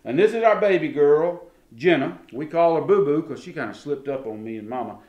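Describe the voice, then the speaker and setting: A man's voice: a little high, expressive, brisk, a little mellow, muffled recording. A middle-aged man with a Southern US accent telling funny family stories in a folksy, drawling way, talking straight to his listeners. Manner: folksy, drawling, addresses the audience directly. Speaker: storyteller. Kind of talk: folksy comedic storytelling. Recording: roomy echo.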